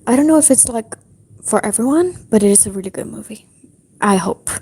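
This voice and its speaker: Breathy whispering young woman. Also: on the high side, lively intonation, fairly quick, dark tone. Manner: whispering, rambling with many fillers. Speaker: livestreamer. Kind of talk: whispered casual stream chat. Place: apartment restroom.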